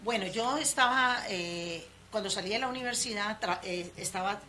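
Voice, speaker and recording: A woman's voice: medium pitch, moderate pace, pushed and bright. A woman in her fifties from Colombia with a Cali accent, telling her life story in an interview, with many fillers and restarts. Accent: Colombian Spanish from Cali. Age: 50s. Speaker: interview guest. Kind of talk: relaxed personal storytelling. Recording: noisy background ambience.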